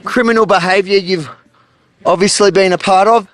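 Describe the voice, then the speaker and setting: A man's voice: high voice, fairly even intonation, moderate pace. A man from Australia with an Australian accent, working as a reporter outdoors on a street, confrontational and blunt. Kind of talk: street ambush questioning and wrap-up commentary.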